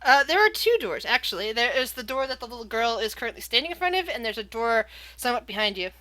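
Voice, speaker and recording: A woman running a tabletop game as game master, improvising narration in a halting way and repeating words as she finds her phrasing. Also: fairly high pitch, very animated, pushed and bright.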